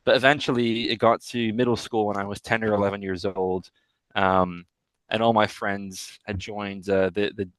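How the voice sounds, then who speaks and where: A man's voice: fairly low pitch, fairly bright tone, dry recording, low-quality recording. A young man who grew up in Hong Kong, a rugby player talking at length as a podcast guest, often restarting his sentences. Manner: expansive, talks at length with self-corrections. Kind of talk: casual podcast chat.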